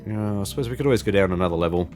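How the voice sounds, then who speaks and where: Low-voiced man giving casual game commentary. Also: racing, music in the background. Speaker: video game longplay host. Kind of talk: casual game commentary, muttering to self and viewers.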